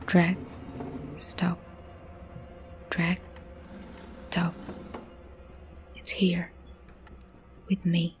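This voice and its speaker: A woman narrating a scary story in a hushed voice, often dropping to a whisper. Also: fairly low pitch. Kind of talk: scripted horror story narration.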